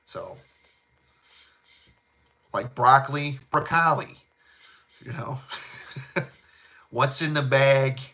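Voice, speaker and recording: A middle-aged man from Chicago with a thick South Side accent hosts a fragrance channel, chatting casually in a live session. His medium-pitched voice is bright and forceful, and he talks very slowly with long pauses, rambling in a laid-back, chummy way with fillers and laughs.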